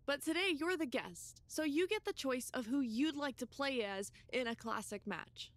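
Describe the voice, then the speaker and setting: Game cast: a smug trash-talking wrestler, slightly high, dry sound. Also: female voice, lively intonation, normal speed, no room sound. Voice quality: smug, teasing. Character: cocky female wrestler Gigi, trash-talking. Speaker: game character.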